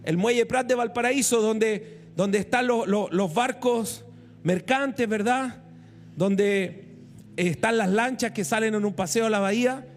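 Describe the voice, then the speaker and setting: A man's voice: sits high, a little hiss or hum. A man preaching a sermon, telling a story and asking the congregation questions. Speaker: pastor.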